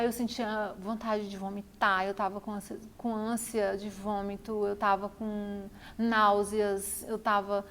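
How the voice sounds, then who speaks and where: A woman telling her own story to camera, repeating phrases for emphasis. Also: mid-range voice. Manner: repetitive, emphatic retelling. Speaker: vlogger.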